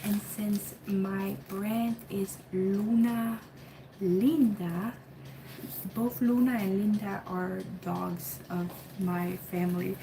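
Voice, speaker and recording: A woman from Cuba, chatting casually at home as she unboxes supplies for her coloring book business. She rambles softly, with lots of "like" and "um". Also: mid-range voice, slight background noise, poor audio. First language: Spanish. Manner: soft-spoken and rambling, with many fillers like "like" and "um". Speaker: coloring book creator and channel host.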